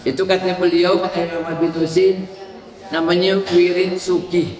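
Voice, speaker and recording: A man's voice: high voice, level tone, normal speed, a little mellow. A man preaching at a dawn gathering in a mosque, acting out prayer gestures and leading the congregation in a repeated chant. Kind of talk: mosque sermon. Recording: echoey mosque hall, faint ambience.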